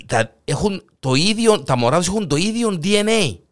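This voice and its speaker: A man's voice: high-pitched, big pitch swings. A man with a Greek Cypriot accent co-hosting a show, bantering casually and teasingly over odd news in colloquial speech. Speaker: co-host of a comic news show.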